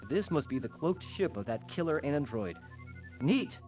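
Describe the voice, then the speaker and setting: A man's voice: fairly high pitch, big pitch swings, unhurried. A man voicing a boyish, goofy starship captain in a video game. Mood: puzzled, excited. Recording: loud game music behind the voice.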